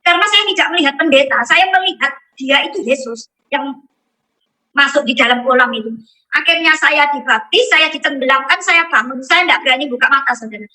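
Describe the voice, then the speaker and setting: A woman's voice: high-pitched, a little fast, sharp tone, low-quality recording. A woman giving a religious testimony to a congregation, telling her story vividly and often turning to address her listeners directly. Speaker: testimony speaker.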